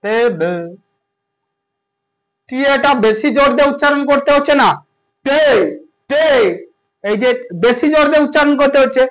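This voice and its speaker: Explaining grammar to students, a man with an extremely high-pitched voice repeats key points and checks comprehension through questions, all on a low-quality recording.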